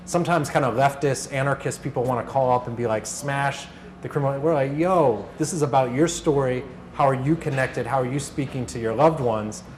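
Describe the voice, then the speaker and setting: A radio organizer with a mid-range, fairly quick voice gives an informal live talk in a workshop room. He's conversational and tells anecdotes through reported dialogue, with clear background noise in the recording.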